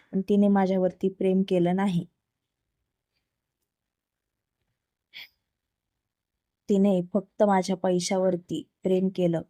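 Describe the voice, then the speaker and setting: A woman voicing a playful, teasing young husband in a storybook romance, reading him in her own low, mellow voice. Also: dry recording, close to an everyday voice. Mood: earnest. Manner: teasing, affectionate.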